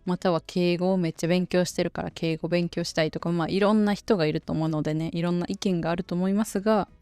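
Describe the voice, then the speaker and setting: Relaxed Kansai woman podcasting. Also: lowish voice, fast talker, clear, resonant tone, no room sound. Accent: Kansai Japanese. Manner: chatty and relaxed, dialect-heavy. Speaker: podcast host teaching Japanese. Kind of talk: casual solo podcast talk.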